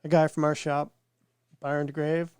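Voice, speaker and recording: A man's voice: on the high side, level tone, moderate pace, a little mellow, clean tone, no room sound, clean studio sound. A man co-hosting a podcast, talking casually and rambling, his voice nasal from a cold. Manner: rambling, repeats words as he thinks. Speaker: podcast co-host. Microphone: podcast microphone with headphones.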